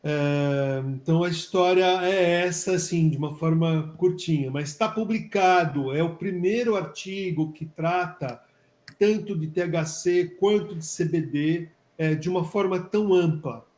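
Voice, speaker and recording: A man's voice: a little high, measured pace, a little mellow. Brazilian man, echoey room, chatty doctor. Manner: chatty, many fillers and restarts. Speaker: physician and study coordinator. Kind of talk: casual live webinar talk.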